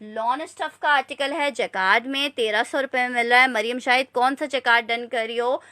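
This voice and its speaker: Female live-stream seller, high-pitched and sharp-edged, repetitive pitch, informal asides to buyers. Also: steady tone, a little fast. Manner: repetitive selling patter, repeating prices and sizes. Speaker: live online clothing seller. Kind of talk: live sales presentation with casual chat to viewers.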